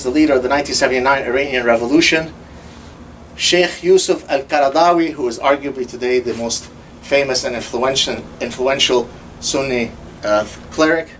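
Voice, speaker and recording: This low-quality recording, made from afar with a little hiss or hum, captures a mid-range male voice. The host is an Arabic-speaking Lebanese man in his fifties who lectures sarcastically and with animation, putting on quoted voices to ridicule his opponents.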